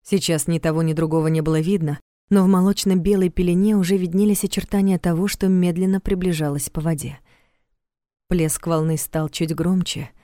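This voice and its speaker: A woman reading a mystery thriller audiobook in a calm, measured storytelling manner, close to the mic. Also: fairly low pitch, dry recording. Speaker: audiobook narrator. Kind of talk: scripted audiobook narration.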